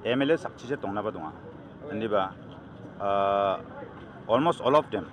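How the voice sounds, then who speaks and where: A middle-aged political candidate with a Northeast Indian accent argues emphatically in a press interview, mixing in English. His voice is low-leaning at a moderate pace, caught on close handheld news mics outdoors at an evening gathering, with a busy crowd behind him.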